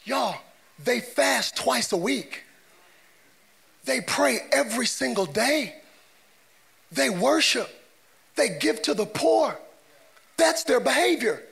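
A man preaching a sermon as pastor, playful and animated, acting out voices and building to shouts, with features. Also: very high-pitched, slow pace, vocal fry, long pauses. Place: church auditorium.

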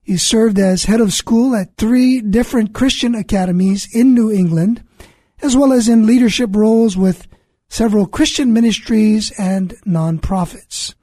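Mellow, husky male radio host. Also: sits high, normal speed, no echo. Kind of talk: scripted radio introduction and interview.

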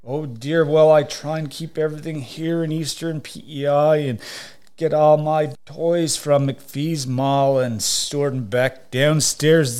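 A man's voice: on the high side, a little mellow, clear, resonant tone. A man playing jolly old Santa Claus in a podcast interview, chuckling and saying "oh, dear" often.

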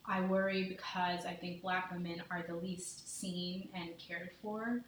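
Earnest woman, low voice, echoey and distant. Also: flat delivery. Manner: earnest, deliberate, heartfelt. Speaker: podcast guest, mother. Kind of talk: candid conversation. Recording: echoey room, distant mic, faint background noise.

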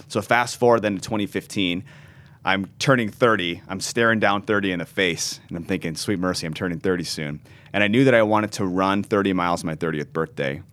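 This thirty-something pastor, who founded a ministry, shares his story with earnest feeling during an interview, repeatedly starting his sentences over. His voice sits low and sounds a bit bright.

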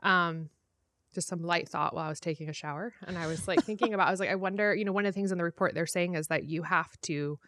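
A woman's voice: lowish voice, fast, a bit bright, a little hiss or hum. A woman co-hosting a podcast in casual conversation, speaking frankly and thinking aloud with lots of "like"s. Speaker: podcast co-host. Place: home room, windows shut.

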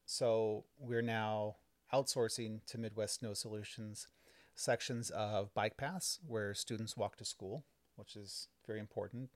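Male podcast host at home, low dry voice, relaxed explanatory recap of local board meetings. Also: measured pace, no echo. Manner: explanatory, chatty, many fillers. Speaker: village trustee and podcast host. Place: home, kids and cats in the house.

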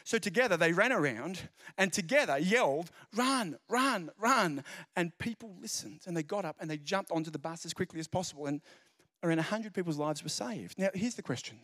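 A young man giving a lively, jokey evangelistic talk, telling stories and repeating key phrases. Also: fairly high pitch, a little fast. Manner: animated storyteller, jokey asides, repeats phrases. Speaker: speaker explaining Christianity.

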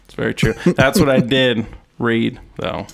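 A man's voice: medium pitch, measured pace, gravelly. A young man co-hosting a casual podcast chat, sarcastic and swearing freely. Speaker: podcast co-host.

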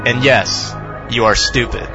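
A man's voice: mid-range voice, fairly even intonation, measured pace, over music. A man hosting an online talk radio show, ranting in a sarcastic, opinionated way over dull, dry lo-fi audio.

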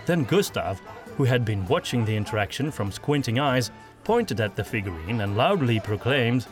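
A man reading a fantasy audiobook in a measured storytelling manner. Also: mid-range voice, very animated, faint music behind. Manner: measured storytelling, doing all the voices. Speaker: narrator. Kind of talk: scripted audiobook narration.

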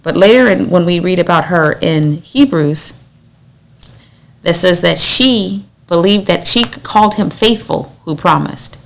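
A woman's voice: fairly low pitch, lively intonation, unhurried, vocal fry. A woman leading a Bible study in an earnest, exhorting way, acting out the lines she quotes. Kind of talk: conversational Bible teaching.

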